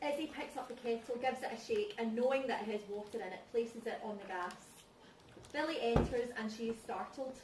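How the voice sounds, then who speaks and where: A woman gives a matter-of-fact scripted read of stage directions. Her fairly high voice is picked up from a distance in a roomy space, with faint noise. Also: brisk, darkish tone.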